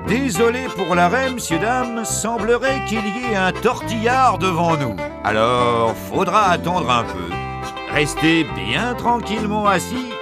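High, lively folksy train conductor, drawling announcements, distant over loud country guitar. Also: male voice, a little slow. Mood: apologetic, reassuring.

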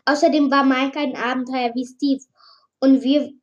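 A woman's voice: sits high, level tone, normal speed, muffled recording. A woman casually reading a first-person adventure story aloud, with slips and restarts along the way. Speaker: storybook reader.

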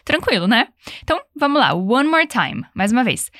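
Brazilian woman teaching English, slow repetitions. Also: a little high, sing-song, a bit bright, dry recording, clean studio sound. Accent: Brazilian Portuguese. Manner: patient, repeats phrases slowly for practice. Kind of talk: language lesson.

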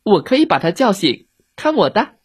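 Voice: medium pitch, very animated, moderate pace, breathy edge, no room sound, studio quality, pitched above the performer's own voice. A storyteller voicing a clever, cheeky little girl who feigns innocence, in a children's audio story. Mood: cheerful.

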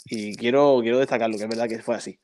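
A man's voice: medium pitch, fairly even intonation, quick pace, a little mellow. Chatty man telling football stories. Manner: chatty storyteller, frequent tag questions. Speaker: podcast co-host. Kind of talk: casual football chat.

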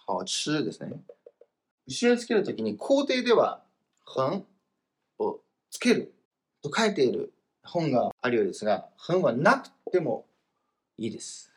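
A man teaching Chinese grammar in a casual, explanatory lesson, slowing down for the example phrases. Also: a little high, big pitch swings. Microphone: voice message recording.

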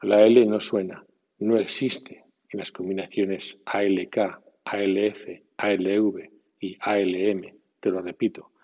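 A man teaching English pronunciation in a recorded lesson, spelling out letters slowly and deliberately. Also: lowish voice, flat delivery, dark tone, breathy edge. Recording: dull lo-fi recording with long reverb.

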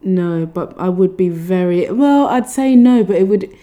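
Low, mellow woman recapping with her co-host. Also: measured pace, dull audio. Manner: animated, acts out quotes with laughs. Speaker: podcast co-host. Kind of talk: casual recap chat.

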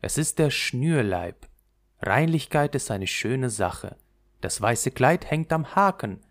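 A man narrating a fairy tale aloud. His mid-pitched voice moves in a lively, melodic line as he tells the story. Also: takes it slowly.

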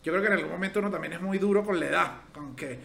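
A man's voice: high-pitched, very fast, vocal fry, a bit bright, echoey room, slight background noise. A man co-hosting a podcast, teasing and scolding his friend in casual chat, often repeating his words. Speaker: podcast co-host.

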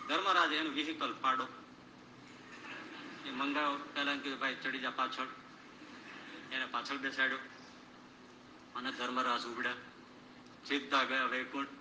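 A man telling a religious story in a discourse, with lively, joking asides to the listeners. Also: mid-range voice, normal speed, long pauses, reverberant, noisy background.

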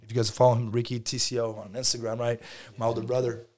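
A man in his thirties, a podcast guest, telling his story in a casual, animated way, full of slang and "bro". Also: medium pitch, fast.

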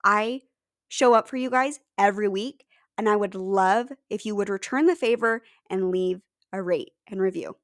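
A woman's voice: mid-range voice, normal speed. A young woman hosting her own podcast, talking in a casual, chatty and upbeat way straight to her listeners. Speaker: podcast host. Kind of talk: casual solo podcast talk.

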